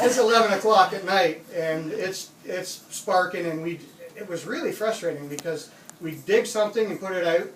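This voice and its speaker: A middle-aged man from Canada casually telling a funny camping story, animated and laughing often. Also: high-pitched. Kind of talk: casual spoken anecdote. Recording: roomy, distant mic with background ambience.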